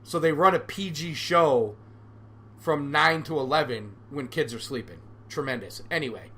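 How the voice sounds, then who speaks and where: A man's voice: fairly high pitch, expressive, moderate pace, pushed and bright, breathy edge. A man in his forties hosting a solo podcast, ranting sarcastically and with animation. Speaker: podcast host.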